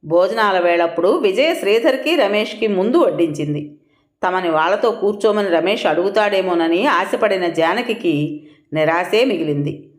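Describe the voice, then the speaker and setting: Expressive woman storyteller, roomy echo. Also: mid-range voice, normal speed. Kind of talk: scripted narration of a family drama story.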